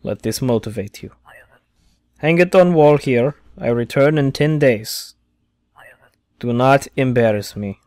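A man's voice: medium pitch, unhurried, pauses often, a little mellow, no room sound, close to an everyday voice. A man reading out a stern male state supervisor from a video game, in curt, clipped broken English.

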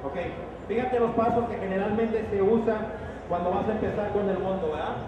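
A man's voice: high-pitched, steady tone, brisk, muffled recording. Middle-aged man demoing in an echoey expo hall. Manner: explanatory, asks the crowd frequent checking questions. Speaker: product demonstrator. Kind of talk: live sales demonstration. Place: large roofed expo hall. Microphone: handheld microphone. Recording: echoey hall, distant camera, crowd noise.

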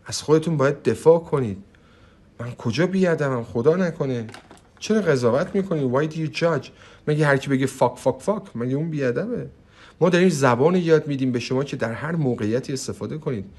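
A young man teaching English online in a livestream. He talks in a brash, hyped way, swears freely, and drops in slow, emphatic English phrases. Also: mid-range voice, expressive, darkish tone, slightly rough. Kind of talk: energetic livestream pitch and Q&A.

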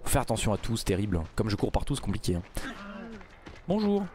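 A man giving casual let's play commentary, mumbling then bursting into loud outbursts. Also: fairly low pitch, fast talker, slight background noise. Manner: excitable, swings from mumbling to outbursts. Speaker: gaming YouTuber.

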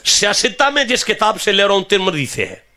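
A man with a Pakistani Punjabi accent preaches to a live gathering in a high, bright voice. His pitch swings widely as he questions the listeners, then rises into fervent shouting. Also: sing-song, fairly quick. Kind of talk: impassioned religious sermon.

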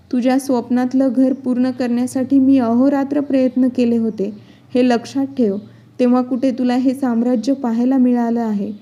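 A woman voicing the spirit of a dead older husband, admonishing his wife in an even reading voice. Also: sits high, lo-fi sound. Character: late husband's spirit, stern older man.

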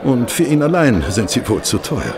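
An actor playing Stamford, an affable, chatty former hospital assistant doctor, in a radio play. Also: male voice, medium pitch, sing-song, normal speed. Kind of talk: German radio play acting. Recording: restaurant crowd murmur behind. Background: restaurant chatter.

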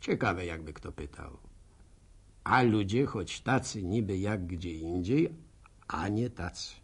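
In this radio drama monologue, the serial's narrator is a chatty, self-deprecating, envious middle-aged village postman with a limp, gravelly and slow-talking. His deep, exaggerated voice has lively intonation as he rambles in a colloquial, wry rural way, sounding chatty and sly while spinning folksy tales for listeners.

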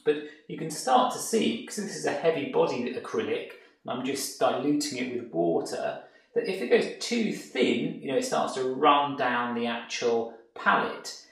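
An art tutor gives a relaxed painting tutorial, thinking aloud as he works. His medium-pitched voice has a gravelly edge and moves at a normal speed. He sits far from the mic in a room with strong echo.

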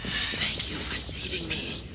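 Mournful dead man's spirit, whispery breath, drawn-out pleading, distant ghostly echo, video game. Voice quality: breathy, unvoiced. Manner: slow, pleading. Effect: echoing ghostly reverb. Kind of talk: video game character dialogue. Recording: echoing, distant, under loud music.

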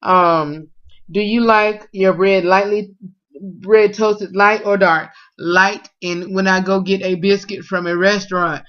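A man's voice: high voice, fairly even intonation, takes it slowly, a bit bright. A young man, chatting casually at home as he reads out food questions and answers them with lots of fillers, recorded on a close webcam. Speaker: vlogger. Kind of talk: casual food tag vlog. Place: small room at home, indoors. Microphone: webcam at close range. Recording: dull lo-fi webcam audio.

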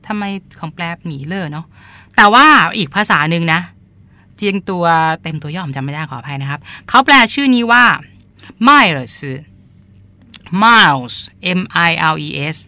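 A man's voice: sits high, sharp tone, no room sound. A man hosting a podcast, chatting casually as he explains terms and often repeats them with polite particles. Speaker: podcast host and translator.

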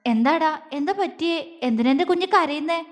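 A woman's voice: high voice, animated, moderate pace, in a large hall. A woman voicing a tender, teasing young man. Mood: tender, coaxing. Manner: soft, affectionate, coaxing. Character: loving, teasing young man, gentle and protective.

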